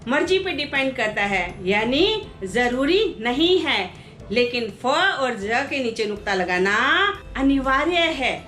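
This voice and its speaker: A woman's voice: high-pitched, a bit bright, roomy sound. A woman teaching a language lesson, reading out practice words one by one and asking the class how to pronounce them. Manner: slow, deliberate pronunciation drills with rhetorical questions. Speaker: Hindi teacher. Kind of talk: classroom lesson, reading word lists aloud.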